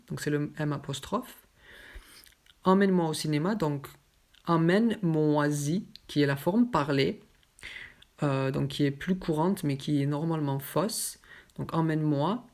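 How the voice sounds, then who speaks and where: A French language teacher explains grammar slowly and evenly, in a mid-pitched voice. Each example form is spelled out with care before the rule behind it. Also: a little mellow. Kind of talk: scripted grammar lesson.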